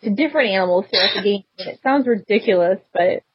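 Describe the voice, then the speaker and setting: A woman from the Detroit area chatting casually as a guest, animated and often laughing. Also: mid-range voice, fast, slightly rough, dry recording, highs cut off. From Detroit area, United States. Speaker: podcast guest. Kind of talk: casual chat.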